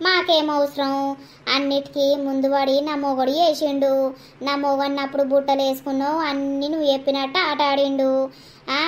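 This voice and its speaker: For an animated village comedy, a woman with a high-pitched, natural voice plays an angry, jealous village wife. She scolds and accuses in a Telangana Telugu accent.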